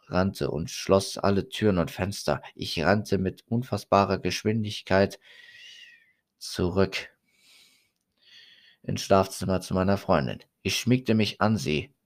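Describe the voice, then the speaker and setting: A man reading a first-person horror story aloud in a slow, deliberate way. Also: low voice.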